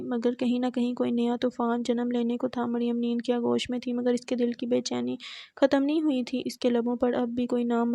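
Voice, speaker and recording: A woman's voice: a little high, gravelly, warm tone, no echo, studio quality. A woman narrating a romantic novel as an audiobook, reading steadily.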